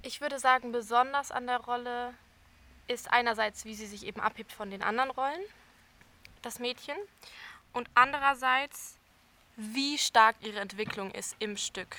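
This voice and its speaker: Speaking at a normal pace, this young Berlin soprano has a slightly high, sharp-toned voice. She considers the interview questions carefully and sometimes hunts for the right words.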